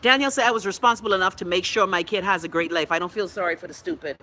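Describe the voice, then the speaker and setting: A middle-aged Bahamian woman with a lowish voice and a Bahamian accent hosts an online show, talking very fast over slight background noise. She reads viewer comments aloud and answers them bluntly, swearing freely and breaking into coughing fits. It's animated, casual live-stream commentary.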